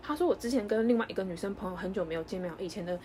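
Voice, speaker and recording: A young woman co-hosting a casual podcast, telling a story in an animated way and acting out the lines of others. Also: medium pitch, slight background noise. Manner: animated storyteller, quick, acts out dialogue. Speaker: podcast co-host.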